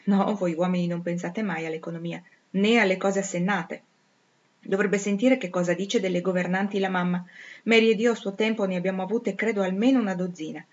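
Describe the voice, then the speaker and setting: A woman's voice: medium pitch, fairly even intonation, fairly quick, muffled recording, natural voice. A woman reading aloud, voicing a haughty young noblewoman who speaks with scorn and chatters with disdain. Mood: scornful.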